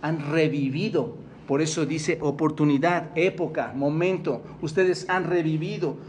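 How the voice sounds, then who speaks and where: A man's voice: fairly high pitch, unhurried, a little mellow, a little hiss or hum. A Mexican man preaching a sermon, often asking the congregation questions and repeating key words for emphasis. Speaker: pastor.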